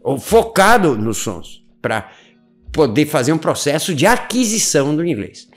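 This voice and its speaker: A man teaching English in an informal video lecture, animated and full of rhetorical questions. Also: a little high, unhurried, faint music behind. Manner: animated, asks rhetorical questions, chuckles often.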